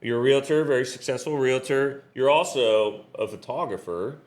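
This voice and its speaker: A man's voice: medium pitch, normal speed. A man hosting a podcast interview, friendly, often repeating his guest's answers back. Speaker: podcast host.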